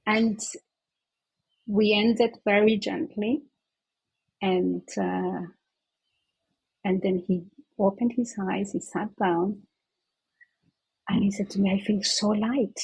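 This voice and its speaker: A woman therapist, a guest in an interview, telling an earnest, animated anecdote in conversation. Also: medium pitch, slow, gravelly, pauses often, husky, dry recording, low-quality recording.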